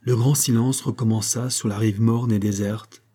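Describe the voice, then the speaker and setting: Male audiobook reader, dark husky tone, measured literary narration. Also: on the low side, fairly even intonation.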